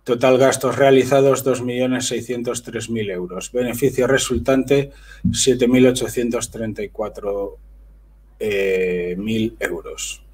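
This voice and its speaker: Husky man reading figures aloud. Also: medium pitch, steady tone, takes it slowly, a little mellow. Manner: list-like reading with brief asides. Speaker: channel host. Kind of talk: reading handwritten documents aloud. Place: voice-over on a screen recording.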